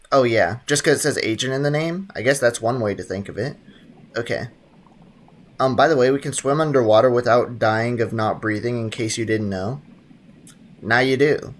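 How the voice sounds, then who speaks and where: Playing a video game live, a young man chats casually with viewers in a mid-range voice at a moderate pace. He greets the chat and keeps up a running commentary to himself, and game music plays faintly.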